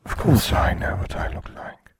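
A man voicing Death, a polite skeleton in a robe, in a soft, breathy whisper with an unhurried, dry manner. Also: no echo, close to an everyday voice. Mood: calm, wry. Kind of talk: audiobook character voice.

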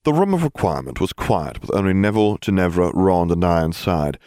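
A man narrates a story in a low voice that rises and falls a great deal. His reading is wry and expressive, and the recording is dry and close-miked. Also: brisk, no echo. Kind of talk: audiobook reading of fan fiction.

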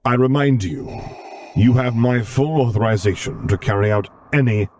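A man voicing an imposing masked male dark lord who speaks in a slow, deliberate, rumbling way. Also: a little hiss or hum, close to an everyday voice. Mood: measured.

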